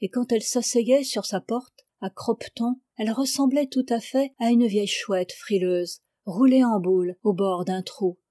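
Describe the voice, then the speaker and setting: A woman narrating a classic novel as an audiobook reader, in a calm, even, literary reading close to the mic. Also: a little high, normal speed, few pauses, no room sound.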